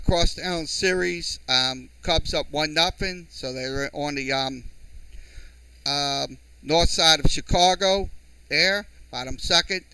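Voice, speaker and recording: A man with a New Orleans accent hosts a live sports podcast, reading off baseball scores in a halting, um-filled delivery. His voice is bright and smooth, a touch higher than most men's. The sound is dry and close, from a home studio mic through a mixer. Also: dry recording, rough recording. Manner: halting, many ums and uhs.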